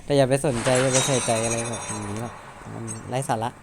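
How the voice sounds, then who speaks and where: A man's voice: medium pitch, steady tone, quick pace, heavy background noise. A man chatting casually while gaming, laid-back and offering dismissive advice. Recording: loud music behind.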